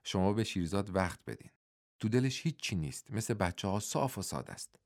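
A man voicing a polite young man who speaks gently and apologetically. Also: on the low side, very animated, creaky. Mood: apologetic.

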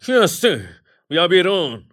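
A man voicing a stern male commander in a storybook, with loud, curt speech. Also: medium pitch, pitched above the performer's own voice, close to an everyday voice.

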